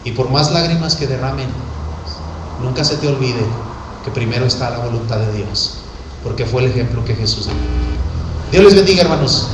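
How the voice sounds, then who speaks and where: Impassioned preacher in echoing hall. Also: male voice, medium pitch, animated, moderate pace, pauses often, background noise. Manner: impassioned, swinging from hushed to shouting. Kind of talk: sermon. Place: church sanctuary. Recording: echoey church hall.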